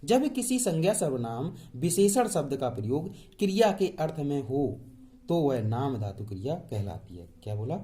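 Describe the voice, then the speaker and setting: Guy teacher going over grammar, kinda dark relaxed tone, keeps asking stuff and answering it himself. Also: a little high, moderate pace. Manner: asks questions and answers them himself, repeats key definitions. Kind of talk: classroom grammar lesson.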